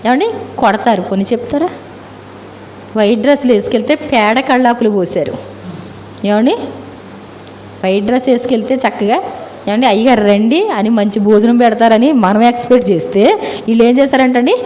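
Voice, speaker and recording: A woman preaching a sermon who keeps asking her listeners questions and then answering them herself. Her voice sits a little high for a woman. A faint hiss runs under the recording. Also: a little fast, pauses often, a little mellow.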